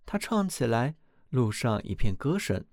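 A man reading a fairy tale aloud as narrator, expressive and animated. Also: medium pitch, unhurried, no room sound, studio quality.

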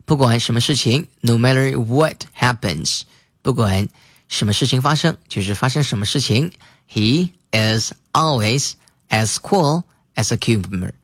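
A man teaches English words in a recorded lesson, spelling each word and repeating the example sentences slowly. His voice sits at an ordinary middle pitch and is recorded dry and close. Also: lively intonation, breathy edge, no echo.

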